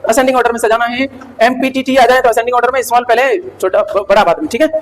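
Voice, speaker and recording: High-voiced guy teaching grammar, keeps asking the class questions, echoey hall. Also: fast talker. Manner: animated, quizzing students with rhetorical questions and jokes. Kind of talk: classroom lecture. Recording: hall reverb.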